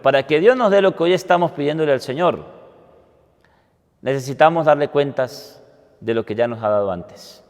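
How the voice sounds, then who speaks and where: A man, a priest giving a homily and prayers at Mass in a solemn, deliberate way, with a cathedral-like echo. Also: on the high side, a little mellow. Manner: solemn, deliberate delivery with measured phrases. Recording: cathedral-like echo, long reverb.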